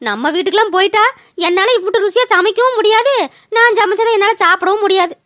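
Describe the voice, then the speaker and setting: Woman doing a lecturing village mother, cartoon, very high voice, dry. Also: lively intonation, quick pace, a bit bright, dry recording. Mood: stern lecture. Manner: lecturing, scolding. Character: stern village mother scolding her children. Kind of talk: cartoon voice acting.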